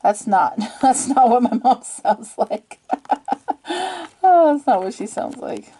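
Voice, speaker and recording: A woman's voice: a little high, animated, measured pace, warm tone. A woman hosting a casual story time, rambling and giggling at herself as she goes. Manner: rambling, giggly and self-deprecating. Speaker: channel host.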